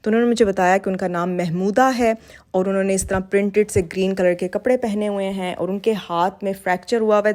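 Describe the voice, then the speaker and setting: A woman's voice: mid-range voice, darkish tone. A middle-aged woman vlogger telling a personal story to her viewers in an earnest, heartfelt way, with English words mixed in.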